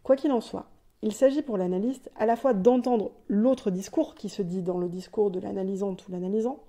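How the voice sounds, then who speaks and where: A woman's voice: mid-range voice, moderate pace, dark tone. A woman hosting a podcast, delivering a scripted, explanatory solo monologue with light asides. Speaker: podcast host.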